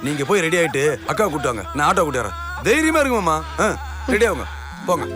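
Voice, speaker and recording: Brief: bustling, high-voiced relative urging the family on, music behind. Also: male voice, wildly swooping pitch. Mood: reassuring brisk. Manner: brisk, reassuring. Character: bustling brother-in-law taking charge. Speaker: brother-in-law. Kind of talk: Tamil film drama acting. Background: film score.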